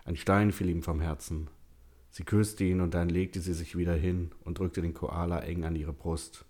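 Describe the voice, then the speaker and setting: Male audiobook narrator, very low voice, calm and measured.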